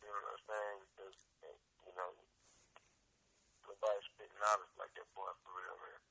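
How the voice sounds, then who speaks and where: A man's voice: low-pitched, little pitch movement, moderate pace, gravelly, sharp tone, poor audio. A man talking as a rapper guest in a casual interview, laid-back and slangy with hesitant restarts.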